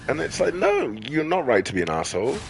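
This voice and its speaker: A man's voice: mid-range voice, huge pitch swings, brisk, creaky, rough recording. A tired man ranting in casual commentary over gameplay, rambling and swearing heavily with lots of fillers. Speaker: gaming video creator.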